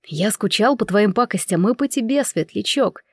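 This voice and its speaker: A woman's voice: mid-range voice, lively intonation, normal speed, a little mellow, no room sound, studio quality, lightly acted. A woman reading the lines of a playful, mocking young nobleman in a story. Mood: tender. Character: teasing charming young nobleman.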